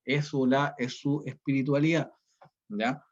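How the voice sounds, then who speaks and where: A man's voice: mid-range voice, flat delivery, unhurried. A male teacher, giving an online reading class and explaining each step, often checking in with the students. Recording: dull lo-fi sound.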